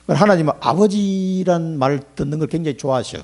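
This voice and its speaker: Gravelly husky guy preaching, chatty, chuckles a lot, voice jumps around. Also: a little high, fast. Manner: conversational, chuckling asides, animated storytelling. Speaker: pastor. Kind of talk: sermon.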